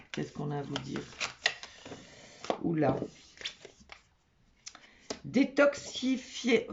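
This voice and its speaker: A woman's voice: fairly low pitch, muffled recording, slight background noise. A woman giving a casual tarot reading for zodiac signs, chatty and repetitive, often checking in with her listeners. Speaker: tarot card reader.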